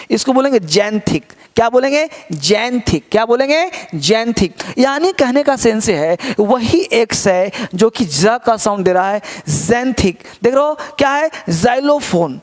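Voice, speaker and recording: A man teaching an English lesson, repeating words over and over and asking questions that he answers himself. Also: very high-pitched. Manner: asks quick questions and answers them himself.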